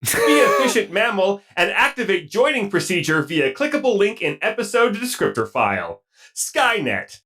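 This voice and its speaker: Guy doing a beep-boop robot voice, choppy and flat, bit high. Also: normal speed, exaggerated voice. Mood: stilted robotic. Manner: clipped, monotone robot voice. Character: stilted male AI robot announcer. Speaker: podcast player.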